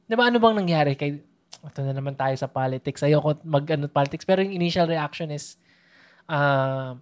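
A woman's voice: low voice, brisk. A woman in casual conversation, chatty and thinking aloud, mixing English into her sentences. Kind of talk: casual chat.

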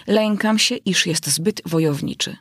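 A woman voicing a fawning, flattering old duchess in an audiobook. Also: on the low side, a little slow, slightly rough, dry recording, studio quality. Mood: ingratiating. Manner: ingratiating, flattering.

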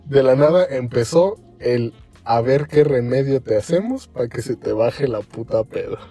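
A man's voice: medium pitch, moderate pace, breathy edge, soft background music. A young man with a Mexican Spanish accent, telling a story in a casual podcast chat, acting out the quotes in it with lots of slang. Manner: animated, acts out quotes, heavy slang.

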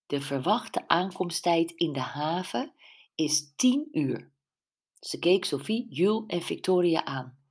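A woman narrating a mystery audiobook in a steady, measured reading voice. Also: low-pitched, husky.

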